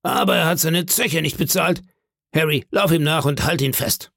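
Guy doing a booming cunning pirate innkeeper, hearty, gravelly and kinda high, storybook reading. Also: moderate pace, fairly bright tone, no room sound, clean studio sound. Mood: blustering. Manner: hearty, booming, feigned indignation. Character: jovial one-legged pirate innkeeper, cunning man.

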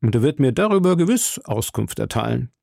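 A man playing a coldly mocking aristocratic lord who speaks in a smooth, measured and sneering way. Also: medium pitch, big pitch swings, a little mellow, no room sound, studio quality. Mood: scornful.

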